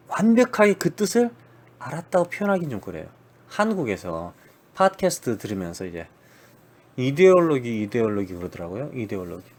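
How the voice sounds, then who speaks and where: A man from South Korea talks through English vocabulary in a relaxed, chatty way. His pitch swings widely as he explains, and he stretches words out slowly to show how they sound. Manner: drawn-out demonstrations of English words, chatty and blunt. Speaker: English teacher. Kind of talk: casual spoken English lesson.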